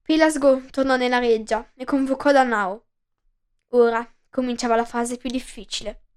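A woman with a high voice narrates an ancient myth. Her reading is steady and measured, paced like a storybook. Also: clear, resonant tone.

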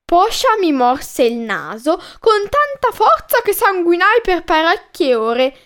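A woman reading aloud as a medieval male monk who tells his story slowly, in old-fashioned words. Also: very high voice, sing-song, a bit bright, pitched above the performer's own voice, heavily acted. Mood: aggrieved. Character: flustered medieval male monk writing a chronicle.

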